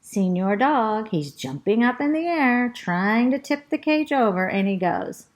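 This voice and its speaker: A talkative classroom parrot tells the story in a children's storybook reading, as a woman reads it aloud. The delivery is slow and unhurried, with pitch that rises and falls in a lively sing-song, and rhymes are drawn out. The voice sits at a middle pitch for a woman. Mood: chatty. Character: chatty, fussy pet parrot narrating as a female classroom pet. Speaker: storybook reader.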